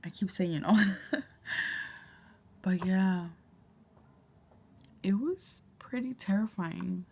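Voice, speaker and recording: A woman vlogger telling a casual story, often dropping to a hushed whisper and swearing freely. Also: medium pitch, takes it slowly, vocal fry, long pauses, slight background noise.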